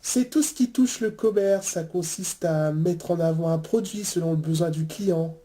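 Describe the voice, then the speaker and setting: A man's voice: on the high side, normal speed, mellow, lightly acted. A man voicing a young woman quiz contestant who gives tentative, questioning answers, in a toy-figure game show parody. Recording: music bed behind voice.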